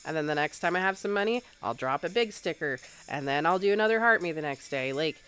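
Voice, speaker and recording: A woman's voice: low voice, animated, quick pace, fairly bright tone, clean tone. A woman livestreamer chatting candidly at home while getting ready, congested and swearing freely.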